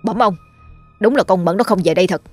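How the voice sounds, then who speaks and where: A woman voicing a brash male servant, loud and rude to peasants but fawning to his master. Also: mid-range voice, brisk, soft background music, lightly acted.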